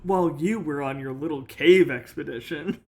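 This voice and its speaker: A woman voicing a male lawyer in a courtroom game as a smug supervillain, with slow, theatrical, insinuating menace. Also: sits low, voice pushed down. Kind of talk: voicing dialogue while playing a courtroom video game. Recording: music behind the voice.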